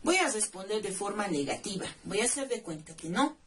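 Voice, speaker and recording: A woman's voice: mid-range voice, big pitch swings, fairly quick, a bit bright. A woman teacher explaining grammar step by step, patiently spelling out suffixes and checking in with the listener. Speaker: language teacher. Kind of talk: slow, deliberate classroom explanation. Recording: distant mic with faint background noise.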